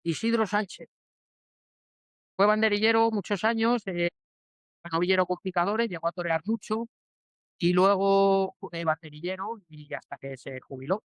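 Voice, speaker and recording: A man's voice: high-pitched, moderate pace, fairly bright tone, clear, resonant tone, no echo. A Spanish man in his forties, a guest in a casual interview, answering in a hesitant way with many restarts and fillers. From Spain. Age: 40s. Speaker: bullfighter guest.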